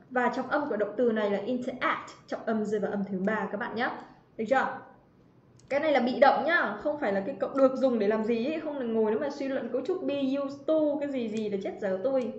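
Chatty high-voiced woman teaching online. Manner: chatty, teasing, calls out students by name. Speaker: English teacher. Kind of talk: livestream grammar lesson. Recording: roomy, slightly dull livestream audio.

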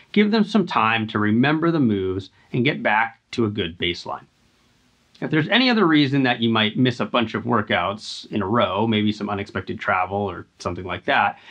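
A man in his thirties hosts a scripted fitness explainer, speaking to camera in an earnest, instructive manner. His pitch moves in a lively way up and down. The sound is a little dull and lo-fi, as if from a camera mic at medium distance. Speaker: host. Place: indoor home climbing wall.

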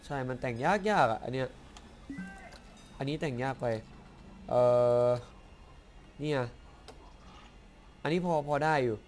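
A man's voice: mid-range voice, measured pace, pauses often, faint music behind. A young man with a Thai accent giving casual gameplay commentary, chatty and swearing playfully as he talks to himself. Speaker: gameplay YouTuber.

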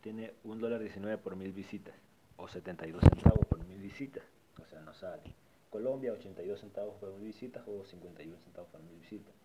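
Fast and low-pitched, a man talks over heavy background noise while casually walking through a website in a screen recording. This tutorial vlogger tends to repeat and restart his phrases as he points things out.

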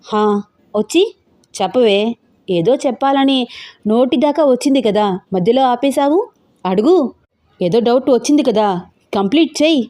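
A young man who teases his girlfriend one moment and snaps at her the next, as a woman narrator voices him. His tone is bossy and impatient. The voice is warm and mellow, sitting a little high. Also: moderate pace, pauses often, close to an everyday voice. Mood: irritated. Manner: teasing then snapping, bossy. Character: young man, teasing boyfriend, quick-tempered. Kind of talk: audio story character voicing.

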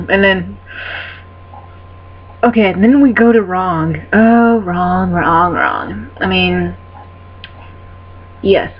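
A woman answering fan questions in a casual vlog, excitable and giggly, rambling with lots of fillers and casual swearing. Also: lowish voice, slightly rough. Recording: dull lo-fi sound with faint hum.

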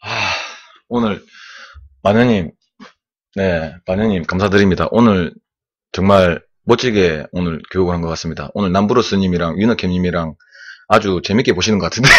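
A man's voice: low voice, a little fast, muffled recording. A man, sweating after a swim, teaches arm strokes on a live stream and keeps repeating "like this" as he demonstrates. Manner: repetitive, demonstrative, keeps saying "like this". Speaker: swimming instructor streamer. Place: indoor room, live stream.

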